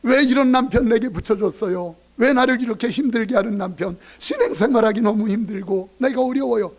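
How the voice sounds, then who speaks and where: A man's voice: very high-pitched, fairly quick. A male preacher voicing a middle-aged woman deacon who cries and pleads in prayer, in a wailing voice. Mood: tearful pleading.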